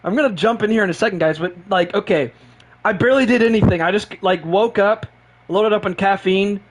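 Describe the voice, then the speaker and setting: A man live-streaming a racing game, chatting excitedly and rambling, repeating himself, short on sleep and running on caffeine. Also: high voice, a little fast, a little hiss or hum.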